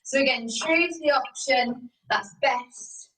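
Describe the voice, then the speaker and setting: A young woman with a high, bright voice leads a workout from home over a video call, taking her time as she calls out each move and encourages her class. Her laptop mic sits some way off, so her voice comes through roomy and distant. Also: takes it slowly. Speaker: fitness instructor. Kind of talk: leading a live exercise class. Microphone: video call from a laptop or phone camera.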